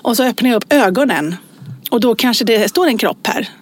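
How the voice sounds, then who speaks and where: A woman's voice: fairly high pitch, slightly rough. A woman in her forties telling anecdotes in casual chat, acting out voices as she tells them. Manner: animated storyteller, acts out voices in anecdotes. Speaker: podcast co-host.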